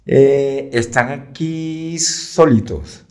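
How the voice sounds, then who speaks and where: A man's voice: medium pitch, extremely slow, a little mellow. A man who teaches French, explaining patiently in an interview, with frequent fillers and checks like "right?".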